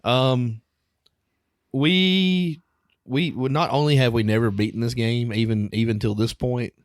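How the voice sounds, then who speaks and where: A man's voice: mid-range voice, fairly even intonation, moderate pace, darkish tone, no echo, clean studio sound. A man in his thirties co-hosting a podcast, chatty and upbeat, laughing easily in casual chat. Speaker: podcast co-host.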